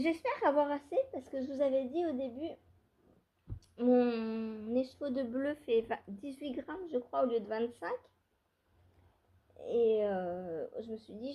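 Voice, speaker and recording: A woman's voice: a little high, moderate pace, dark tone. A woman vlogger chatting casually about her knitting, rambling with many fillers, restarts and small laughs. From France. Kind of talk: casual chat.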